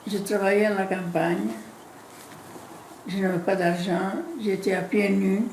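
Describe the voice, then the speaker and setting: A woman in her eighties from Italy, speaking French with an Italian accent as her second language. She tells her story in halting, simple sentences and often repeats words. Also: mid-range voice, flat delivery, darkish tone, a little hiss or hum. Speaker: interviewee recounting her immigration. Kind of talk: personal storytelling. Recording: echoey room.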